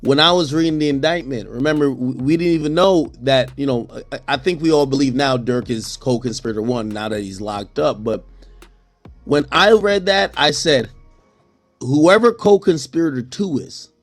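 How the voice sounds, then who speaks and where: A man's voice: medium pitch, moderate pace, faint music behind. A man in a casual online audio chat, explaining a legal situation step by step with frequent restarts. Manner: explains step by step, many restarts, laughs easily. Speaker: commentator.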